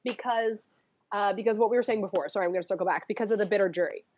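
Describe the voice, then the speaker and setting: A woman chatting casually as a guest, animated and quick, laughing often and circling back to her points. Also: mid-range voice, a little hiss or hum. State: allergies, sniffly. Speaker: guest, former reality show contestant. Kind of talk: casual chat.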